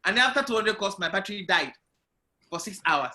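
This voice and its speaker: Over a video call, this entrepreneur walks the interviewer through how he built his career. His voice is high and bright, and he speaks loudly and briskly with lively, animated intonation.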